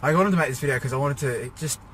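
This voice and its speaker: Fast and fairly bright, a mid-range male voice carries a weary, rambling personal rant from inside a car. The speaker, a fitness vlogger prepping for a bodybuilding show, is exhausted and drained after working out but keeps pushing on, with vehicle noise filling the recording.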